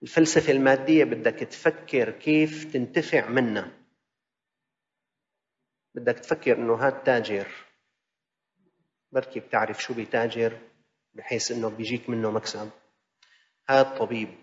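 Male preacher, rhythmic repeating sermon delivery, long hall reverb. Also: medium pitch. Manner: mixes classical Arabic with colloquial asides, rhythmic repetition. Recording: dull sound in a reverberant hall.

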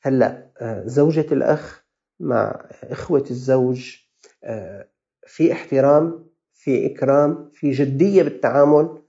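A man's voice: medium pitch, moderate pace, creaky, long pauses, dark tone, highs cut off. A man with a Levantine Arabic accent, a religious scholar answering listeners' questions with earnest, fatherly advice.

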